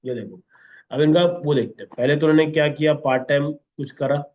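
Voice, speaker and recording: A man's voice: a little high, a little fast. Man teaching a class, dull lo-fi sound. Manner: instructive, repeats 'okay?' constantly. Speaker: instructor. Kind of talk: classroom lesson.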